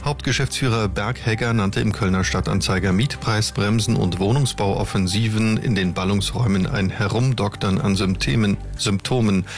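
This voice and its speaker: A man reading the radio news in a measured, formal way. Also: on the low side, soft background music. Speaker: newsreader.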